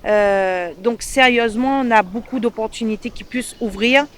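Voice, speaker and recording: A woman from Réunion with a Réunionnais French accent, speaking as an interviewee and mother, animated and emphatic, often checking in with the listener. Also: a little high, moderate pace, slight background noise. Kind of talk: casual interview.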